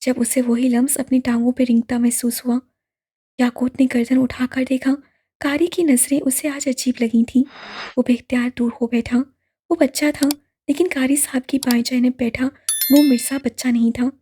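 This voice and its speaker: A woman narrating a novel audiobook in a slow, measured, somber way. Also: high-pitched, little pitch movement, warm tone, breathy edge. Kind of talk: novel reading.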